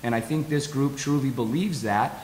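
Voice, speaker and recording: A middle-aged American man speaks as a coach in a post-game interview, halting and repeating words as he reasons. His voice sits at an average pitch in an echoey hall, with some hiss behind it. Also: a little mellow. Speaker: college soccer head coach. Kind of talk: post-game interview answers at a press table. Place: press conference table with backdrop. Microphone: table stand microphone.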